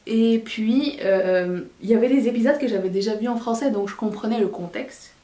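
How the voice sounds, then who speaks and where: A woman's voice: on the high side, moderate pace, warm tone, distant mic. A woman in her thirties chatting candidly to camera, often restarting her sentences. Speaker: vlogger. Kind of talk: casual chat to camera. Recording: roomy, voice a bit away from the mic.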